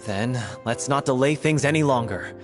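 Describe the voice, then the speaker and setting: A man's voice: mid-range voice, normal speed, natural voice. A man acting a businesslike, matter-of-fact troupe member in game dialogue. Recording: loud music behind the voice.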